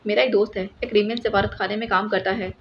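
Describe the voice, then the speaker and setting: A woman's voice: medium pitch, steady tone, lightly acted. A woman voicing a hot-tempered, blustering male police superintendent in an audiobook, with an angry, scolding tone. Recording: slightly muffled with faint hiss.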